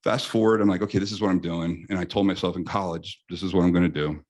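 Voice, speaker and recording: A very deep-voiced American man in his fifties, sitting in as an interview guest. He tells lively stories in a loose, conversational way, stopping and restarting his sentences as he goes. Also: fast talker. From United States. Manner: animated anecdotes with frequent restarts. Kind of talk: casual storytelling in an interview.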